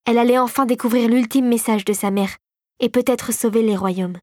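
A woman narrating a children's fantasy audiobook in a steady, clear storytelling voice. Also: a little high, brisk, dry recording, studio quality.

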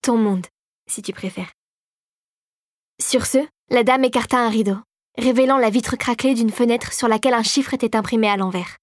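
A woman narrates a storybook in a calm, measured way. Her voice sits slightly high, and the recording is dry and close, with no room echo.

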